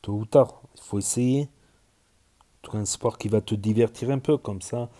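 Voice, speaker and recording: A man's voice: fairly low pitch, normal speed, mellow. A man with a southwestern French accent, rambling casually with frequent hesitations as he comments on social media stories. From southern France.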